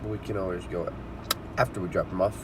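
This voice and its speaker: A man's voice: deep voice, fairly even intonation, brisk. A man chatting casually in a car, joking and swearing, recorded on a phone. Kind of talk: casual chat. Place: inside a parked car. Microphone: hand-held phone. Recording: phone audio with clear background noise.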